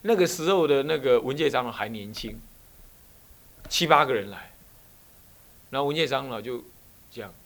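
At a normal speed and medium pitch, pausing often, a Taiwanese Mandarin-accented abbot delivers a dharma talk. It's packed with lively stories and frequent rhetorical questions.

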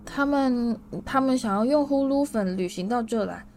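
A woman's voice: a little high, moderate pace, darkish tone, soft background music, pitched above the performer's own voice, natural voice. A woman voicing a polite teenage boy wizard who talks earnestly while holding back laughter.

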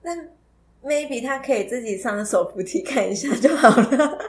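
A woman's voice: a little high, normal speed. A woman co-hosting a podcast, telling a story in casual chat, giggling and stumbling over repeated words. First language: not Taiwanese Hokkien. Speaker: podcast co-host.

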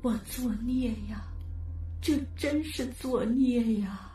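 A shrill, trembling elderly widow, her slow, drawn-out wail sounding far off in an echoey space. A grieving, bitter old mother from an audio storybook. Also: mellow, soft background music. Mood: furious. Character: grief-stricken elderly widow, wailing and furious. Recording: echoey and distant.

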